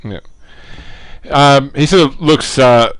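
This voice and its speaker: A man's voice: mid-range voice, slow pace, smooth, no echo. A man narrating as game master of a tabletop game, describing scenes in a hesitant way with many fillers.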